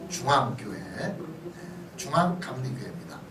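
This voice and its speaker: A loud crowd surrounds a male pastor whose expressive, mid-range voice moves at a moderate pace through a chatty history lecture in a church hall. He often checks in with listeners through questions and asides, and the distant recording is echoey and noisy.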